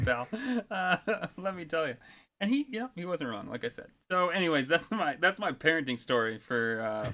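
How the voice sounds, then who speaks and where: This podcast co-host is a man in his thirties whose voice sits a little high with a sharp edge. He spins a long, rambling story full of filler words, laughing frequently along the way.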